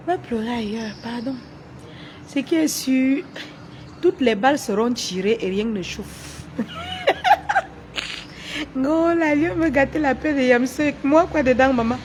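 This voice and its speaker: A woman's voice: high-pitched, background noise. A woman on a casual livestream, taunting her rivals with repeated rhetorical questions. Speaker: social media livestreamer.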